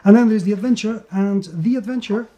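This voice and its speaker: A man with a fairly high but very mellow, muted voice delivers an unscripted game review at a brisk pace. He is enthusiastic and emphatic, frequently doubling words for stress, with faint music behind him.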